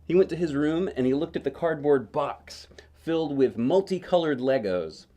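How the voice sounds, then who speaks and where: This storybook read-aloud comes from a man whose voice sits fairly high and has a dark tone. He's expressive and moves at a normal pace, reading as a parent might while adding chatty asides and asking the listener things.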